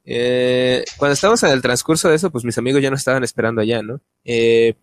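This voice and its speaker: A young adult man with a Mexican accent co-hosts a casual podcast chat, telling a personal story at a fast clip in a medium-pitched voice. He's slangy, swears freely, and acts out the voices of people he quotes.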